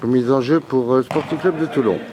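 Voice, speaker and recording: A man giving live sports commentary in a halting way, searching for his words. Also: mid-range voice, dull audio, over music. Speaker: match commentator. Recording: loud sports hall crowd and bouncing balls. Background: crowd and ball bounces.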